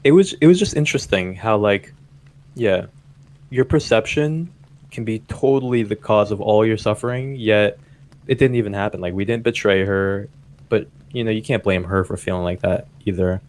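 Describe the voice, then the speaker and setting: A young man co-hosting a podcast, telling a story in casual chat, with lots of "like" and animated quotes of others. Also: lowish voice, moderate pace. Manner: rambling, heavy use of "like", animated quoting. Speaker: podcast co-host.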